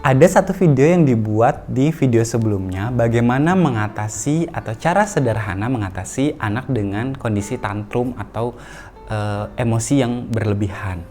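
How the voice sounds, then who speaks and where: A man working as a child therapist, calmly explaining home exercises to parents in an instructional talk. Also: medium pitch, faint music behind. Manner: calm, explanatory, with slow singsong demonstrations.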